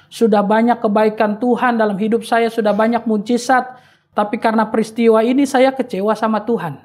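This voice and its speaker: A man with a fairly high voice tells his story as a pastor and interview guest. He speaks earnestly, now and then quoting his own prayers word for word. His tone is that of a personal testimony. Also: fairly even intonation, fairly quick.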